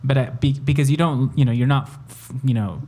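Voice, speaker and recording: A young man from El Salvador in casual conversation, talking reflectively with many pauses and fillers. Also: medium pitch, mellow. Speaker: conversation partner. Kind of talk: casual chat.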